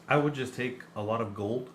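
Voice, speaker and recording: A man co-hosting a podcast, chatting casually with deadpan jokes. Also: medium pitch, a little hiss or hum. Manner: joking, deadpan banter. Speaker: podcast co-host. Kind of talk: casual chat.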